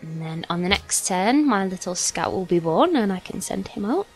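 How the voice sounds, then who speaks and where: A woman's voice: mid-range voice, lively intonation, moderate pace, darkish tone, faint music behind, rough recording. A woman with a slight sniffle gives casual, hesitant let's play commentary, explaining things informally as she goes. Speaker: gaming video host.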